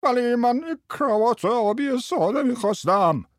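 A man putting on the shrill, trembling voice of a naive, near-sighted young male customer asking slowly for a cheap tie. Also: animated, no echo, studio quality. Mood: timid. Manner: slow, quavering, squeaky.

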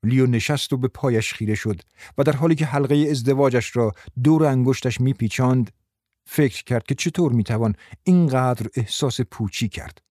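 Guy narrating an audiobook, even and measured, dry recording. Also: medium pitch, dry recording.

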